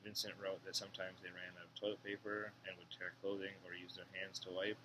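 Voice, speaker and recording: Male, low bright voice, profane indignant ex-inmate monologue, faint hiss behind. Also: flat delivery, fast talker. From Canada. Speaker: former inmate reading and commenting on an article. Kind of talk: casual monologue, reading aloud with commentary.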